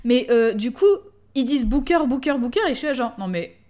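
A woman's voice: on the high side, fairly quick, darkish tone. A woman co-hosting a podcast in casual chat, joking and laughing often. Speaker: podcast co-host.

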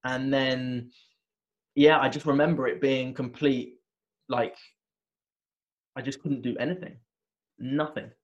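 On a muffled recording, a wellness coach in an interview shares a personal tale, his ordinary mid-range voice growing animated as he replays what he said back then. His speech halts often, packed with fillers and fresh starts.

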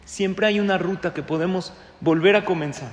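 A man giving a sermon as a rabbi, animated and joking, firing rhetorical questions at his audience. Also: sits high, normal speed. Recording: echoey hall.

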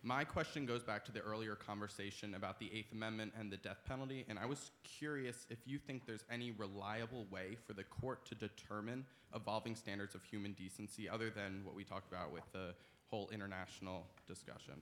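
A man's voice: fairly low pitch, a little fast, a bit bright, slight background noise. A young male college student politely asking a question at a public talk. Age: young adult. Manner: polite, reads a careful question. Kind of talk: audience question.

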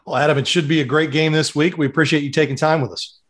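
A man's voice: fairly high pitch, steady tone, quick pace. A man hosting a sports radio show, delivering live links between segments.

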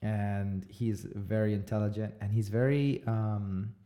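Podcast host, man, thirties, low mellow voice, easygoing rambling chat. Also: measured pace. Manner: relaxed, rambling, swears casually. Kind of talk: casual conversation.

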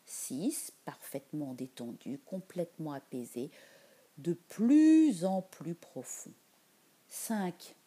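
A woman guiding a meditation, her voice low and breathy, often sinking into a whisper. She speaks very slowly, with a warm, mellow tone. Her pitch rises and falls in wide, soothing swells. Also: huge pitch swings. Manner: soft, slow and soothing, drifting into whispers. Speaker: meditation guide. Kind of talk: guided meditation.

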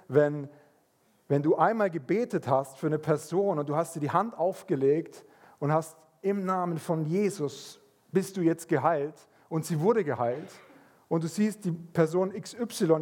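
A man preaching a sermon, telling stories in a lively way and acting out the voices of people in them. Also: fairly high pitch. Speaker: pastor.

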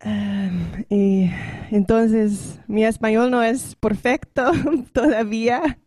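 The clip features a Dutch woman guesting as a singer, her slightly high, steady, darkish voice moving at a slow pace with no echo. She offers careful, halting Spanish as a learner, in short bursts broken by translation pauses and plenty of laughter.

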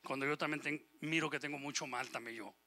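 A man preaching a sermon with passion, swinging between loud exhortation and quiet asides, quoting scripture and voicing God's words. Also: mid-range voice, fairly even intonation, brisk. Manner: impassioned, rising and falling in volume, quotes scripture and God's voice; switches briefly into English phrases. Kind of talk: Spanish-language sermon.

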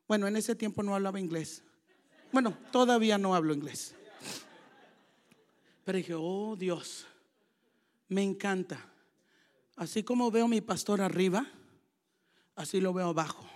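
Gravelly older woman preaching. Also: medium pitch. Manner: emotional, swings from soft murmurs to loud shouting. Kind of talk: sermon.

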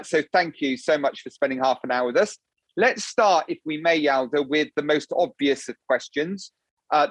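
A man hosting an interview podcast, courteous and effusive, with deliberate, presenter-like phrasing. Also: on the high side, no room sound, poor audio. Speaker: podcast host. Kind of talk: scripted introduction and interview hosting.

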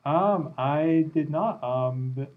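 A man co-hosts a casual podcast and chats in a laid-back, joking way. His voice sits a little high. The recording has a dull, muffled edge. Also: very slow. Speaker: podcast co-host.

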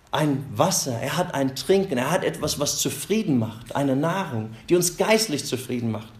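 A preacher with a roomy echo. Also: male voice, on the high side. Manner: storytelling, acts out excuses in quoted voices. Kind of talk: sermon.

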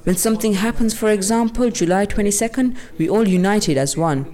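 A man's voice: high voice, brisk, dark tone. A man delivers scripted narration in the first person, as in a documentary.

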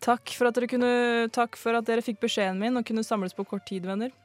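Theatrical amateur detective guy played by a woman, higher voice, earnest and dramatic, dry close sound, live radio comedy. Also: steady tone, no room sound, lightly acted. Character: theatrical male amateur sleuth.

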